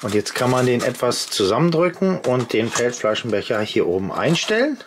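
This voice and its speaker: There's a little hiss or hum behind this mid-range male voice, which has a sing-song quality and a moderate pace. He's in his fifties and runs an outdoor gear channel, casually vlogging from a workbench in his home workshop while he chats with viewers and explains every step he demonstrates.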